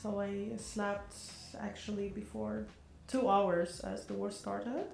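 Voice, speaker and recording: A woman's voice: mid-range voice, level tone, slow pace, creaky, darkish tone. A professional dancer, a woman, recalling events hesitantly in a documentary interview. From Ukraine. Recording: echoey room with faint music.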